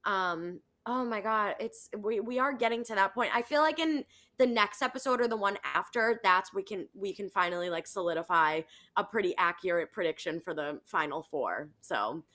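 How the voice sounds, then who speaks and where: A woman's voice: medium pitch, expressive, moderate pace, pushed and bright. A woman in her twenties co-hosting a reality TV recap over a video call, chatting casually in a rambling way full of "like". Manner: rambling, filler-heavy with frequent "like". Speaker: co-host of a reality TV recap show. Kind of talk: casual chat commentary.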